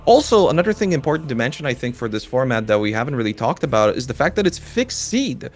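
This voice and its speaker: A man's voice: medium pitch, fast talker, a little hiss or hum. Upbeat man doing game play-by-play. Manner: lively, upbeat play-by-play with fillers. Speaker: race co-commentator. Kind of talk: esports commentary.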